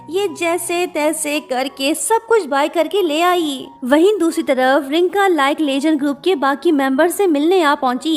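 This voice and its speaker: High-voiced woman recapping a drama. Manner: brisk, chatty, mixing in English words. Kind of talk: casual story recap narration. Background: faint music.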